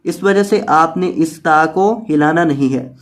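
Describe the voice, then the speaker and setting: Patient Quran reading teacher with a slow, drawn-out drill delivery, spelling each word by its letters. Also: medium pitch. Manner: spells letters out slowly, then explains quickly; patient, repeats each word several times. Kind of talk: Noorani Qaida lesson.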